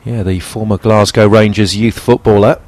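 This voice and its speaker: A man's voice: lowish voice, steady tone, moderate pace. A man presenting and commentating on televised golf in punchy broadcast phrasing. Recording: loud music under the voice. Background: music.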